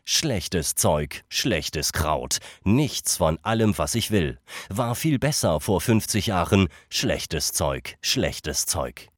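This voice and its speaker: A man voicing a spiteful old herb witch in a storybook reading, with a croaking, hoarse voice and sing-song muttered repetitions. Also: low-pitched, big pitch swings, unhurried, no echo, clean studio sound. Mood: muttering.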